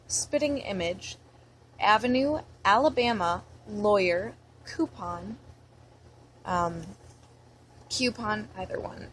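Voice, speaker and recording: A woman's voice: medium pitch, a little hiss or hum, low-quality recording. A young American woman talking in a casual vlog, rambling and chatty as she reads through a word list. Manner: rambling and chatty, with many fillers. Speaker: vlogger.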